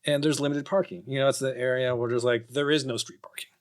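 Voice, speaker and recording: A man's voice: medium pitch, fairly even intonation, fast talker. A man guest telling a story in casual talk, rambling and filling his speech with "like". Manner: rambling, heavy use of "like". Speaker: podcast guest.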